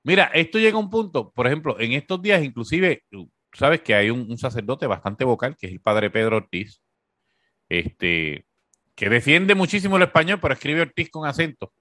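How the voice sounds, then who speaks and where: A man with a Puerto Rican accent hosting a talk show, giving sarcastic, animated political commentary full of fillers. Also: mid-range voice, normal speed, no echo, clean studio sound.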